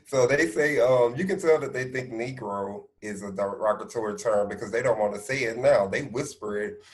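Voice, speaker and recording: A man in his thirties co-hosting a podcast, chatting casually and laughing easily, from home on a video call. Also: medium pitch. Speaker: podcast co-host. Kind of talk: casual conversational interview. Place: indoors at home.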